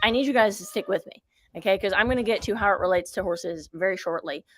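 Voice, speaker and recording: A woman's voice: medium pitch, fast talker, background noise. A woman in her thirties, a riding coach teaching on a live stream from an outdoor ranch. She talks energetically into a close phone camera and keeps checking in with viewers. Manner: energetic, repeats "okay?" and urges viewers to comment. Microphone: phone camera held close.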